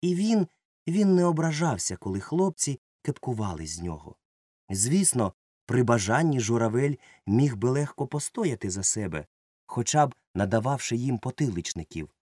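A man narrating a children's story as an audiobook, reading in a lively, expressive way. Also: medium pitch, normal speed, dry recording, studio quality.

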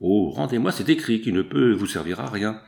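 A man's voice: on the low side, lively intonation, brisk, creaky, darkish tone. A man reading aloud, voicing a young dressmaker's fitter who is anxious and scheming, in a lifted voice. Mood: pleading.

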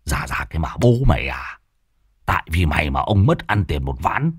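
A man's voice: rumbling low, big pitch swings, moderate pace, no room sound, clean studio sound, pitched below the performer's own voice, full character voice. A man voicing a bitter, foul-mouthed old gambler who grumbles and curses. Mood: grumbling angry. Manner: gruff cursing grumble.

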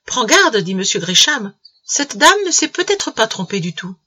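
Woman reading as a calm, dry old uncle. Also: a little high, normal speed, slightly rough, full character voice. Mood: calm, patient. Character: calm, plain-spoken older uncle.

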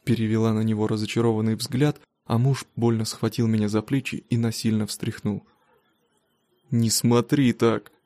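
A man reading a first-person novel aloud in a steady, even manner. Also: on the low side, fairly quick, hardly any pauses, no room sound. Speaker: audiobook narrator. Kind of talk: first-person audiobook narration.

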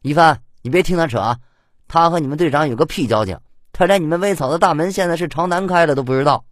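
A man's voice: on the high side, fast talker, dry recording, clean studio sound, voice pushed up, lightly acted. A man voicing a sly young man who teases and mocks his rival. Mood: mocking. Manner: mocking, laughing banter.

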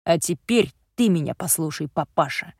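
A woman voicing a gruff, commanding male rescuer doctor who barks blunt orders in an audiobook reading. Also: deep voice, expressive, normal speed, darkish tone, no echo, studio quality.

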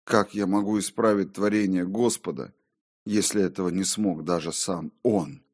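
A man's voice: low-pitched, moderate pace, a little mellow. A man voicing a terrified medieval mason who speaks strained, pleading and crying out, in an audiobook. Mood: frightened desperate. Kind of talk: audiobook character voice.

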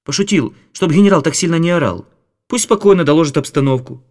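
A man voicing a sly, calm older male presidential adviser who speaks with quiet authority. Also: on the high side, quick pace, voice pushed up, lightly acted.

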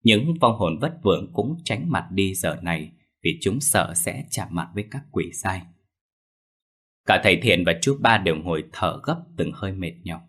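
A man narrating a scripted ghost story in a steady, measured storytelling voice. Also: low-pitched, breathy edge.

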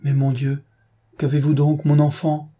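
Guy putting on a fussy motherly governess, pitched way up, exclaiming, husky. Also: normal speed, mellow, lightly acted. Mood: alarmed. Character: anxious older woman governess, fussy and motherly.

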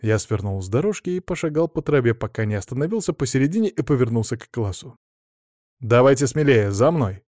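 A man narrating a first-person audiobook in a lively storytelling manner with wry asides. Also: mid-range voice, fast talker, few pauses, no room sound, clean studio sound.

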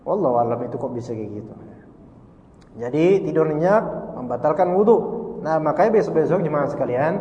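Joking ustadz in an echoey hall. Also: male voice, on the high side, lively intonation, fairly quick, mellow. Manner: joking, slangy, acts out little dialogues. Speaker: Islamic teacher. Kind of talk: casual religious lecture. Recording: dull roomy hall recording with faint ambience.

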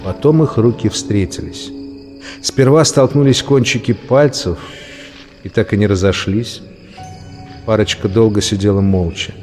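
A man reading a story aloud as an audiobook narrator, measured and expressive. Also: lowish voice. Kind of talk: scripted narration. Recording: long reverb with music and crickets.

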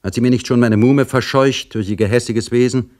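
A man reading a story, voicing a bitter, sly male livery servant who grumbles loudly and mocks. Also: medium pitch, fairly even intonation, fairly quick, pitched above the performer's own voice, natural voice. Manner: loud, complaining and mocking.

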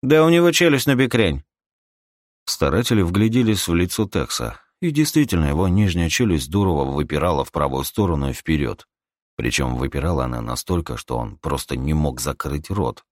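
A man narrating an adventure audiobook in a lively storytelling read. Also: very deep voice, fairly quick, dry recording, clean studio sound. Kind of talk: scripted narration.

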